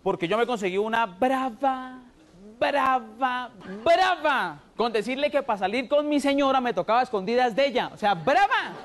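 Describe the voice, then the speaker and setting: A man with a Colombian accent doing a loud, rowdy stand-up routine and acting out the people in his jokes. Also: extremely high pitch, expressive, moderate pace. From Huila, Colombia. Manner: loud, rowdy, acts out quoted voices. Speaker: stand-up comedian. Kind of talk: stand-up routine on TV comedy show.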